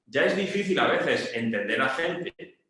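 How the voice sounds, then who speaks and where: A man's voice: mid-range voice, animated, a little slow, pushed and bright. A man from explaining public speaking tips casually, often checking in with his listeners. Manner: explains with examples, asks "¿vale?". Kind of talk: casual video lesson. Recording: very echoey room.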